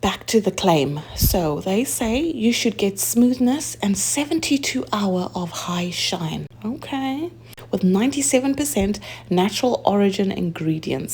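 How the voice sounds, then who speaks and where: A young adult woman from Zimbabwe chatting through a hair product review, reading the label claims aloud and slipping into soft asides. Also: medium pitch, breathy edge. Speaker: hair care vlogger.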